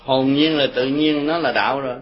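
A man's voice: mid-range voice, fairly even intonation, a little fast, breathy edge. Older man giving a rambling folksy dharma talk. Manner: rambling, folksy, chuckling storyteller. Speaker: Buddhist teacher. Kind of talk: informal dharma talk with followers. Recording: dull lo-fi recording with crowd behind. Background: group of listeners.

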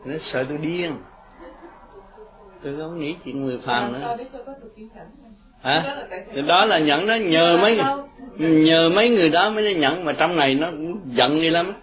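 Older male teacher, folksy and rambling, fairly high voice, lo-fi recording with listeners around. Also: animated, measured pace, long pauses. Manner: rambling, folksy, chuckling storyteller. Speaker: Buddhist teacher. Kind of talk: informal dharma talk with followers. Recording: dull lo-fi recording with crowd behind. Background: group of listeners.

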